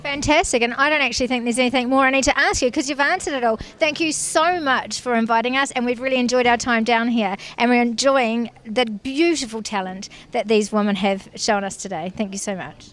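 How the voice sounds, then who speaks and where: A woman with a fairly high voice works as an event interviewer. Her style is conversational and appreciative. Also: fairly even intonation, a little fast, hardly any pauses, fairly bright tone.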